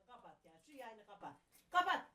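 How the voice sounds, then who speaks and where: A woman's voice: a little high, very animated, moderate pace, sharp tone. A middle-aged woman talking as a mother at home, pleading and scolding with religious exclamations. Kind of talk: casual family talk.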